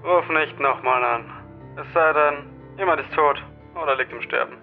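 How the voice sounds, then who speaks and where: A man's voice: a little high, moderate pace, faint music behind. A man playing a grumpy deputy woken by a late-night call, curt and irritated, heard over a phone line.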